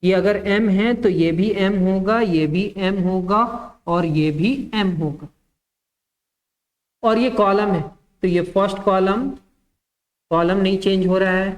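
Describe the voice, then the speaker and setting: A woman's voice: mid-range voice, slow pace, darkish tone. A woman teaching a maths lesson. She dictates step by step, asks the class questions and answers them herself, and repeats the key terms.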